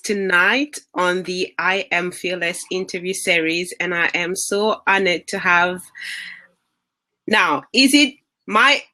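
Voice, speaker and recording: A woman with a French accent hosts an interview series and welcomes her guest with effusive praise. She speaks very slowly and deliberately, with a bright, clear tone, and laughs easily between phrases. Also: lowish voice. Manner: warm, effusive, laughs often, slow and deliberate. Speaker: interview host. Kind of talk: hosting an online interview series.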